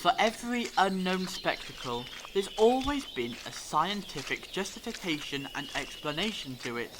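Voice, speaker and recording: A man acting an eccentric, curious time-travelling alien adventurer in a fan audio drama, telling things theatrically with dramatic pauses. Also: high voice, very animated, background noise. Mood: thoughtful, wry.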